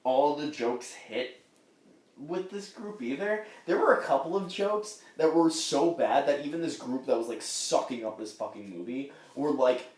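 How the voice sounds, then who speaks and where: A young man co-hosting a casual comedy podcast, animated and swearing, acting out quotes in silly voices. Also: medium pitch, normal speed. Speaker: podcast co-host. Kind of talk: casual comedic movie review chat. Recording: echoey room.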